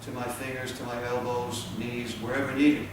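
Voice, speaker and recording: A man's mid-range voice drifts from a distance through a very echoey space as he teaches tai chi during a demonstration. He explains patiently and plainly in short, paused fragments, with steady background hiss throughout.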